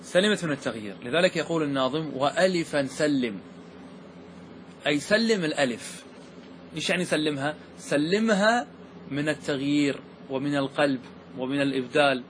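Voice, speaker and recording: A man teaching grammar, asking the class questions and slowing down to stress key words. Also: a little high, fairly bright tone, slight background noise. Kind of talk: classroom lesson explaining verse.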